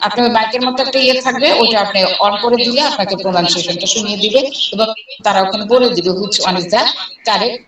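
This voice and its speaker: A woman's voice: mid-range voice, a bit bright. Bangladeshi woman teaching, echoey and distant. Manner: slow, deliberate reading of English questions. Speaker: English instructor. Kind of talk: online class lecture. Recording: echoey room, far from mic, people talking. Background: students chiming in.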